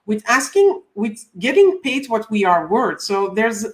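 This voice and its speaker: A woman's voice: a little high, big pitch swings, a little slow. A woman from Belgium in her forties, a coach hosting a live stream, welcoming viewers over and over with frequent ums. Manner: warm repeated welcomes, frequent ums, reads viewer comments.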